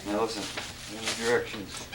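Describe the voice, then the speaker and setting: A man's voice: on the low side, level tone, moderate pace, very noisy. A father filming a home video with the camcorder, chatting with and coaching his children in a casual, coaxing way, heard through old camcorder audio. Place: family home, indoors. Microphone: camcorder microphone.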